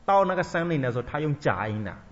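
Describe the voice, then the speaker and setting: A man's voice: big pitch swings, fast. A man speaking as a Buddhist monk giving a dharma talk, rambling, repetitive and emphatic in colloquial phrasing. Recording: dull lo-fi recording with faint rumble.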